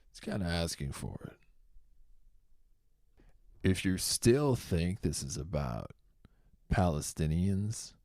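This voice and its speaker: A man's voice: low voice, big pitch swings, slow pace, long pauses, no room sound, studio quality. A young man from Boston with a Boston accent, hosting a comedy show in a profane, heated rant. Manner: profane, heated, shouting bursts. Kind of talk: stand-up style comedic rant.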